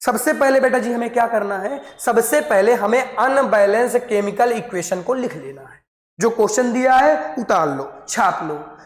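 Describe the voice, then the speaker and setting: A man's voice: very high voice, moderate pace. A male teacher giving a school science lesson, calling his students affectionately and adding playful asides. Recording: echoey room with long reverb.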